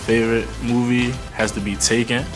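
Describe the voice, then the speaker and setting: A young college basketball player giving a short, clipped self-introduction. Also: male voice, medium pitch, flat delivery, normal speed, music in the background. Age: young adult.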